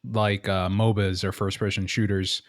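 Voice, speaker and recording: A man's voice: fairly low pitch, level tone, moderate pace, dry recording, clean studio sound. Laid-back joking man, casual chat. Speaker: podcast co-host.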